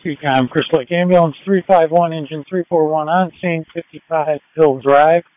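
A man's voice: a little high, steady tone, normal speed. A man on an ambulance crew calling in over two-way radio in clipped, procedural phrases. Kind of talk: ambulance radio dispatch call. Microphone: radio handset. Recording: narrowband two-way radio, static, clicks.

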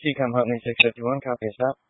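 A man's voice: medium pitch, level tone, fast talker, heavy background noise. A man working as a patrol officer, calling in locations and plates in terse radio phrases. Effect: two-way radio. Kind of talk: terse radio call-ins. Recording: tinny narrowband police radio audio.

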